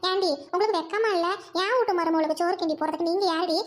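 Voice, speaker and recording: A woman's voice: very high voice, fast. A woman playing a commanding village woman in a comedy skit, scolding and protective. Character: commanding village woman, sharp-tongued elder sister.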